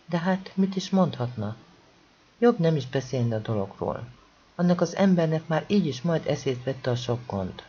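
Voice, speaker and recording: An audiobook reader narrating a novel expressively, with strong swings in pitch and loudness. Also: lo-fi sound, slight background noise.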